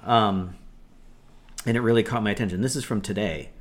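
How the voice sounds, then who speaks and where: A man with a low voice co-hosts a casual talk show. He reads passages aloud, then talks them over haltingly, with many fillers and restarts. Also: steady tone. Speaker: co-host. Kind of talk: casual podcast chat, reading aloud.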